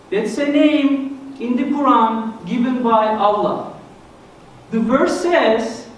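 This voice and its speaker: A man's voice: very high-pitched, muffled recording. Turkish-accented man lecturing in an echoey hall. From Turkey. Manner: earnest, explanatory, self-deprecating humor. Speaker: guest speaker. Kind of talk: church presentation on Islam. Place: church hall. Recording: echoey hall, mic from a distance, faint noise.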